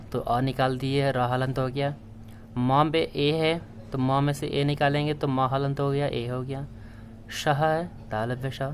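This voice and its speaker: A man's voice: mid-range voice, slight background noise. A man teaching a language lesson, patiently spelling out letters one by one and repeating each word. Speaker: Sanskrit teacher. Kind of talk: slow classroom explanation.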